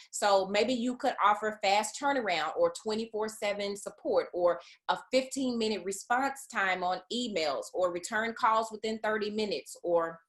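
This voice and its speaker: A woman's voice: mid-range voice, a bit bright. Southern woman teaching a business webinar. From American South. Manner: conversational, restarts sentences often. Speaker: business coach.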